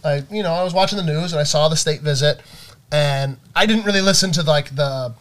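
A man co-hosting a casual podcast, telling stories in a rambling, animated way with lots of fillers. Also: fairly high pitch, a little fast. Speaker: podcast co-host. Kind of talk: casual chat.

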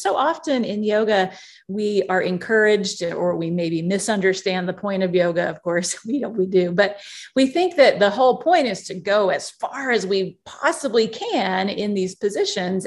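A woman interviewed as a yoga author, explaining in a measured, teacherly way. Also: medium pitch. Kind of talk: podcast interview.

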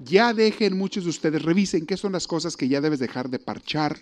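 A man delivers a sermon in a slightly high voice. He tells parables with lively energy and acts out the voices of the people in them. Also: normal speed. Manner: animated, acts out voices in the story. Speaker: priest. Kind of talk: sermon with storytelling.

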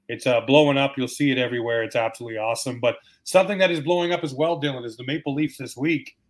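A man hosting a sports podcast in an upbeat, hyped way, throwing to his co-host. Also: mid-range voice.

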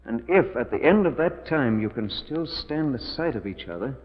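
An actor plays a tense, guilty man trapped in a cave in an emphatic 1940s radio melodrama, reading aloud in a grim mood. His medium-pitched voice is expressive and lightly acted, at a moderate pace. The recording is muffled and reverberant, typical of 1940s radio.

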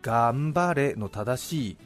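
A man's voice: mid-range voice, lively intonation, takes it slowly, soft background music. A middle-aged man hosting a radio show, chatting playfully and explaining things in a casual studio talk. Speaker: radio host.

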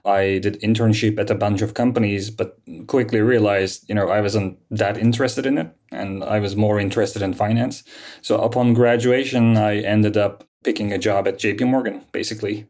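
Low-voiced man from Turkey explaining. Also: a little mellow. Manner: measured, explanatory, frequent fillers. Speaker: guest, fund manager. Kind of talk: podcast interview answers.

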